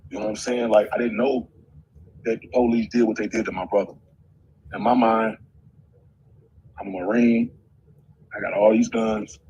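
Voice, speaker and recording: Middle-aged man, low-pitched, raw emotional storyteller, swears a lot; muffled audio with faint noise behind. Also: darkish tone. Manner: intense, emotional, heavy swearing. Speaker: guest telling a personal story.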